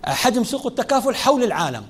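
Rapid, lively lecturer, a man. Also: extremely high pitch, slightly rough. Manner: lively teaching, speaking straight to students, mixing formal and dialect Arabic. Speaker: lecturer on Islamic finance. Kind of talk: classroom lecture.

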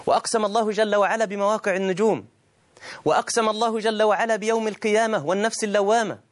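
Man, middle-aged, Egyptian accent, preacher, sermon, emphatic, slightly high voice. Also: steady tone. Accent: Egyptian Arabic. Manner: emphatic, slows and rises for scripture, plays both sides of a dialogue.

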